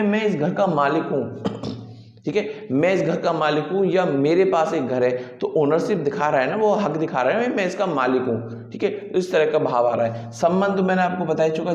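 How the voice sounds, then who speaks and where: A man with a slightly high voice teaches English grammar to beginners. He goes over each point again and again, checks in with "theek hai," and clears his throat often. The sound is a bit dull and rings in a roomy, echoey space. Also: darkish tone. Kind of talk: Hindi-language English grammar lesson.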